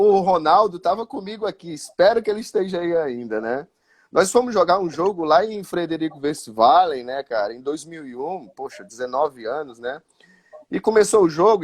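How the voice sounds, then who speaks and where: A man telling a futsal story on a live stream in a lively, casual way, full of fillers. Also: on the high side. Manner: lively anecdotal, with many fillers like "né, cara".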